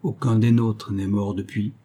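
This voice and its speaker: A man voicing a young melancholy heir of an old castle in a storybook reading, speaking in a pensive, low-voiced way. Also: steady tone, moderate pace, warm tone.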